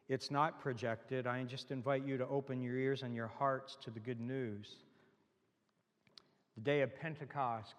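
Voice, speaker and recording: Male pastor preaching in a reverberant church. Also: medium pitch. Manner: earnest preaching, rising emphatic on key phrases; conversational asides to the congregation. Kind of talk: sermon. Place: church sanctuary. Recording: long reverb of a church hall.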